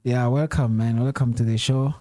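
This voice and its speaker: A man hosting a laid-back talk show, his voice mellow and warm. He asks questions in an easy, conversational way, leaning on fillers. The sound is dry and close, with no room around it. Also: medium pitch, steady tone, moderate pace, dry recording. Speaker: host. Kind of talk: casual chat.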